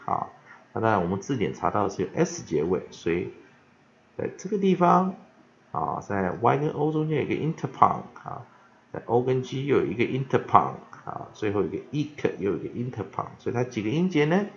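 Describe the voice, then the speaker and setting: Man, English teacher, lively pitch, gravelly, dull lo-fi recording. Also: slight background noise. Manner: lively, drawn-out demonstration of words, frequent filler "ah". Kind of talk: vocabulary pronunciation lesson.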